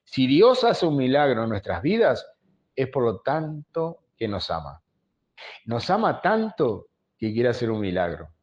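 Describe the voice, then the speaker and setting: A male pastor tells stories in a conversational sermon, often tagging his phrases with a questioning aside. His voice sits at an ordinary male pitch. The recording is dull and lo-fi. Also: huge pitch swings, unhurried, a little mellow. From Uruguay. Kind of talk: storytelling sermon.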